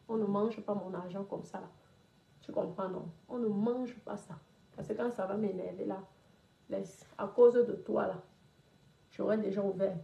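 A woman's voice: medium pitch, creaky, mellow, muffled recording. Confrontational woman in an echoey room. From Cameroon. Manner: confrontational, scolding someone directly. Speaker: property investor. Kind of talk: direct-address social media rant. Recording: roomy echo.

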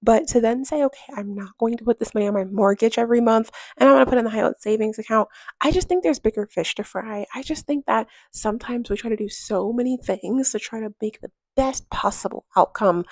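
A woman's voice: fairly high pitch, darkish tone, dry recording. A young woman in casual voice-over chat about her home and money, candid and emphatic, often firing off rhetorical questions. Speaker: home vlogger. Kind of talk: voice-over chat while cleaning.

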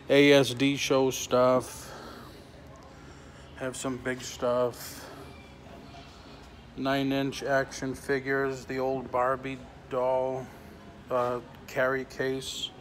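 A middle-aged toy reseller livestreams from a large antique mall booth with a concrete floor, talking casually and haltingly as he reads and answers comments. His voice is medium-pitched and a bit bright. He holds the phone at arm's length or closer, so the recording picks up clear ambient noise.

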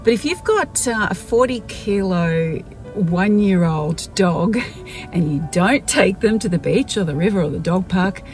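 A woman's voice: lowish voice, unhurried. A middle-aged Australian woman chatting casually as she vlogs outdoors on a beach, filming on a phone at arm's length. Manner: relaxed, chatty, tour-guide style. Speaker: vlogger. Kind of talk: casual vlog narration. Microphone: phone held at arm's length. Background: loud background music.

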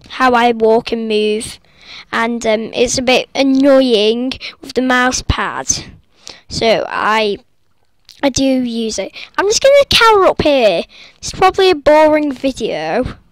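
A gaming vlogger with a high-pitched, slightly bright voice rambles through game commentary while sitting up in bed. She chats casually into her laptop's microphone, squealing and apologizing quickly now and then, and the sound is close and dry with no room echo.

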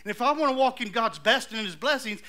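A man's voice: extremely high pitch, expressive, fast, sharp tone. A man preaching a storytelling sermon in a church, punctuating his points with calls of amen. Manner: storytelling, exclamatory, calls for amens. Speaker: pastor. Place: church sanctuary.

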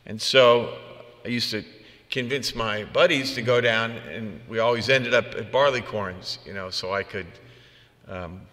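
A man preaches a homily as a priest, weaving in personal anecdotes in a conversational, plain-spoken way. His lowish voice is unhurried, pushed, and bright, and a large room gives it a long reverb.

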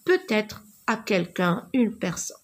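A woman teaching young children to read, slowly repeating words and sounding out letters. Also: mid-range voice, sing-song. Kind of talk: reading lesson for young children.

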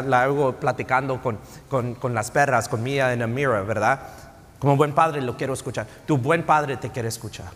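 Slightly high and a bit bright, this middle-aged man's voice delivers a sermon as a pastor, switching back and forth between Spanish and English with frequent tag questions. He speaks in a church sanctuary, and the recording has a long hall reverb.

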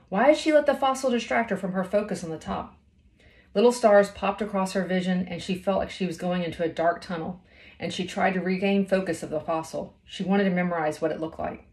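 At home in a small room, a woman in her thirties reads a children's novel aloud in storyteller fashion. Her voice is lowish and a little mellow.

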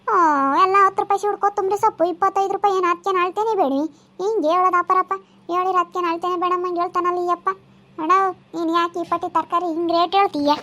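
A woman's voice: extremely high pitch, flat delivery, sharp tone. A woman playing a scolding village woman, haggling over vegetable prices. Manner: nagging, rapid-fire scolding. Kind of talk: comedy sketch acting.

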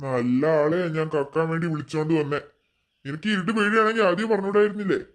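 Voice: mid-range voice, fast talker, close to an everyday voice. A voice actor playing an aging, slightly deaf burglar boss in a cartoon, bossy and grumbling.

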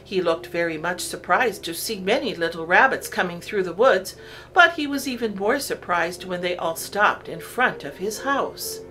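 A woman reading a children's storybook aloud in a gentle, even storytelling manner. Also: on the low side, moderate pace, a little hiss or hum, poor audio. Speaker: narrator.

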